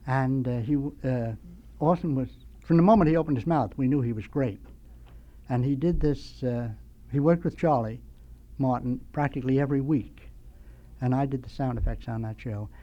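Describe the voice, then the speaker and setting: As a studio guest, a veteran American radio sound effects man, now older, shares nostalgic stories in a halting, meandering way. He has a medium-pitched voice, and the recording's high frequencies are cut off.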